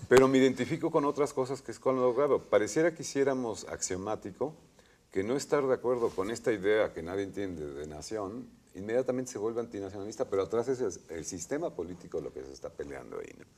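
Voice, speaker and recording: Mexican male academic panelist, deep and animated. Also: fast, slight background noise. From Puebla, Mexico. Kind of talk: panel discussion.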